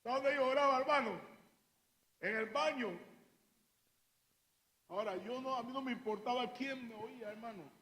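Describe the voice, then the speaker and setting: A man preaching a sermon as pastor, fiery, shouting out the cries he quotes and often calling the listeners "hermano". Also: extremely high pitch, normal speed, pauses often. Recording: reverberant church hall.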